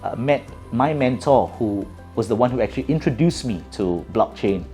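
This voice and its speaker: A man's voice: mid-range voice, expressive, moderate pace, dark tone, soft background music. A middle-aged man from Singapore with a Singaporean English accent, giving thoughtful interview answers with many fillers and restarts. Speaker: guest.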